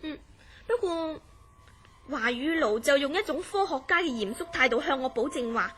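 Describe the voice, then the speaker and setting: A radio drama features an actress with a Hong Kong Cantonese accent as an earnest woman telling of a friend's eerie dreams, her storytelling measured and serious. She has a high voice, lively intonation and a somewhat bright tone.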